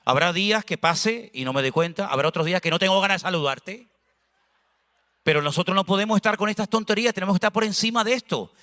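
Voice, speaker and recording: Male pastor, high bright voice, animated sermon, long hall echo. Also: quick pace. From Spain. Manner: animated, preaching with conversational asides and acted dialogue.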